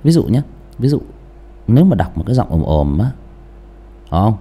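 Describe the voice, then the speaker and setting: A man's voice: on the low side, normal speed, husky. A male audiobook narrator chatting casually about character voices, often restarting phrases and asking the listener questions. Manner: animated, repeats and restarts, asks listeners rhetorical questions.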